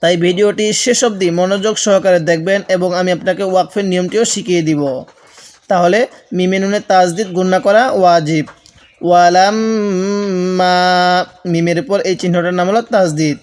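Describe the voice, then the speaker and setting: A man teaching Quran recitation, spelling each word letter by letter and then chanting it slowly, speaking directly to viewers as a patient instructor. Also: sits high, fairly even intonation, a little mellow. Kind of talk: spelled-out Quran reading lesson.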